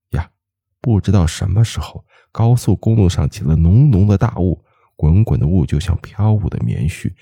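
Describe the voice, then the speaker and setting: A man narrating a ghost story in an expressive, dramatic way. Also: low voice, slightly rough, dry recording, studio quality.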